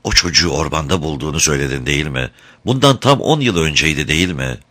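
A man's voice: extremely low pitch, lively intonation, fast, pushed and bright, no echo, full character voice. A man voicing a poor, grieving beggar mother in a storybook reading. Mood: pleading. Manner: pleading, mournful.

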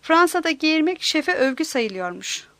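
A woman's voice: sits high, big pitch swings, normal speed, pushed and bright, dry recording, exaggerated voice. A woman voicing a crude, hungry male vagrant who talks brashly and pushily. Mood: jokey. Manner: brash, boisterous, pushy.

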